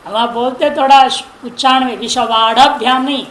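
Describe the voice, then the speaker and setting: A man teaching Sanskrit grammar in a classroom lesson, chanting word forms slowly and correcting pronunciation with repeated examples. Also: very high-pitched, expressive, crowd noise. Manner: recites word forms in slow drawn-out chants. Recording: echoey room with faint noise.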